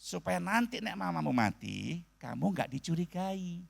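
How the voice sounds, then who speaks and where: A man voicing a shrewd older male medicine-shop keeper who gives slow, knowing advice. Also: high voice, sing-song, creaky, slightly rough, full character voice. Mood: sly advising.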